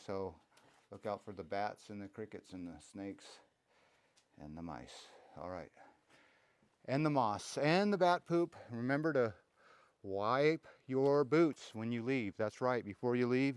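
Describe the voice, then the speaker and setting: A man's voice: mid-range voice, smooth. Joking man filming his own tour. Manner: playful, jokey, chatty tour-guide talk. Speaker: travel vlogger. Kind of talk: casual vlog narration. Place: cave and outdoor mountain trail.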